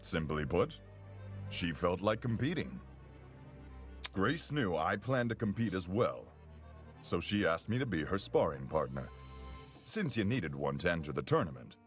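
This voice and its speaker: A man's voice: low-pitched, sing-song, a little slow, long pauses, soft background music. A man voicing a blunt, protective young male student in a game, folksy and plain-spoken. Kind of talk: game voice acting.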